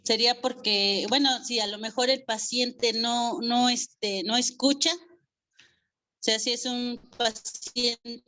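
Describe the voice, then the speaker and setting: A woman's voice: a little high, steady tone, slow, pushed and bright. A woman, a student answering in an online class, hesitant and searching for words with many fillers.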